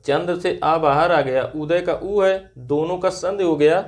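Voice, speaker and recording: A man's voice: a little high, a little slow. A man teaching Hindi grammar in class, asking questions and checking understanding with short "right?" prompts after each point. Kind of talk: classroom lesson with call-and-response.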